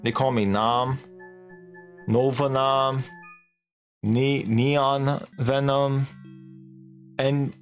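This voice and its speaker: A man's voice: medium pitch, level tone, drawn-out words, long pauses, faint music behind. A man live-streaming a game, chatting casually and animatedly with viewers, laughing and swearing offhand.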